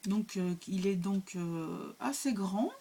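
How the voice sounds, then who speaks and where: A woman's voice: mid-range voice, takes it slowly, mellow, a little hiss or hum. A woman hosting her own cartomancy channel, reviewing a card deck in casual chat, hesitant with many fillers and restarts.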